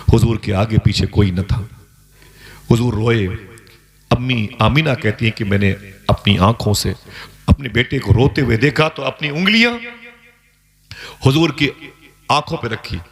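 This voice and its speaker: A man with a low voice delivers an emotional sermon as a story. He acts out its dialogue dramatically and keeps turning to address his listeners directly. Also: unhurried, pauses often. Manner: dramatic, voices quoted dialogue with rising pitch; addresses the audience and scholars directly. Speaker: Islamic preacher.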